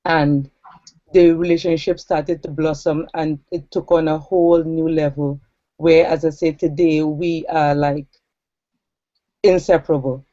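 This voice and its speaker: A woman's voice: low voice, flat delivery, warm tone, no echo. A woman in her forties from Trinidad, earnestly telling her personal story as an interview guest. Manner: earnest, reflective, with pauses and fillers. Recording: dull lo-fi sound.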